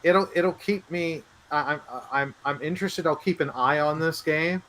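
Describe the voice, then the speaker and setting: A bright, sharp-toned man chats excitedly on a gaming podcast. He trips over his words in little restarts as he gets going. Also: fairly high pitch, normal speed. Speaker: podcast co-host. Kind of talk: casual gaming chat.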